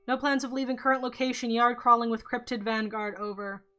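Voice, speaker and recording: A woman's voice: on the high side, little pitch movement, brisk, pushed and bright, faint music behind. A woman voicing a paranoid teenage boy in a put-on robotic voice, speaking in terse, clipped radio talk. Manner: terse, clipped, ends each turn with "over". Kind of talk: reading a story game aloud.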